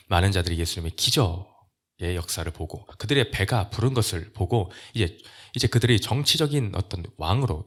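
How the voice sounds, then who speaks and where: A middle-aged man preaches a morning devotional in a very deep, low voice. He talks earnestly to his listeners and grows loud and emphatic when he reads the verses. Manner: earnest preaching, rising to emphatic scripture quotes. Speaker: pastor.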